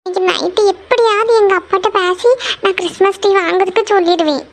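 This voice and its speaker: A woman's voice: very high voice, a little fast. A woman voicing a chatty little schoolgirl, talking in a sing-song childish whine.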